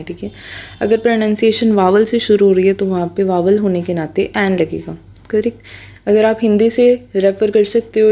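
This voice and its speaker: A woman's voice: mid-range voice, dark tone. A woman teaching English grammar in a patient, explanatory way, repeating key points and checking in with her listeners often. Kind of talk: explanatory lesson.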